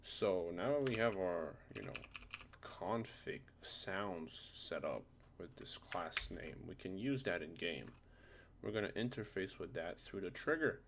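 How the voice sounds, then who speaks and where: A low, gravelly man with a fairly bright tone presents a casual screen-recorded software tutorial at a little slow pace. He's hesitant and informal, thinking aloud at his computer indoors. Keyboard clicks, typing and background noise come through the noisy home desktop recording.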